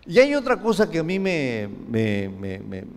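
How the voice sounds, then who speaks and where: A man's voice: on the high side, wildly swooping pitch, a little slow, big-room sound. A man preaching a sermon as pastor, telling stories with frequent restarts. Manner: storytelling, acting out quoted voices, many restarts.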